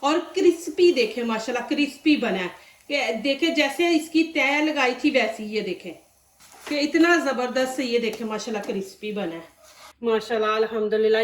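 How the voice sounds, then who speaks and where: A woman hosting a home cooking show gives a chatty, step-by-step lesson, her voice a touch high and strained by a sore, dry throat. She stands back from the mic, so her voice sounds distant. The kitchen around her is echoey. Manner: chatty and instructive, often says "see this". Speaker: cooking channel host.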